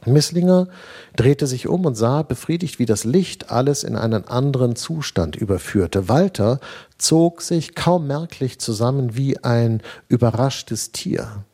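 A man reading a novel aloud in measured, even audiobook narration. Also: mid-range voice. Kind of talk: scripted narration.

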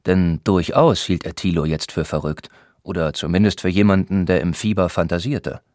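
A man narrating a novel in a measured, steady storytelling voice. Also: deep voice, no echo, clean studio sound. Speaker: audiobook narrator.

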